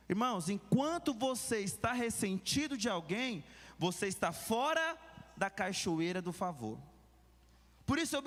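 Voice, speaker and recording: High-voiced Brazilian pastor preaching in a hall. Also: male voice, a bit bright. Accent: Brazilian Portuguese. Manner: preaching with sudden swings between quick asides and slow emphasis. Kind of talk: sermon. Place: large church hall. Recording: long reverb of a church hall.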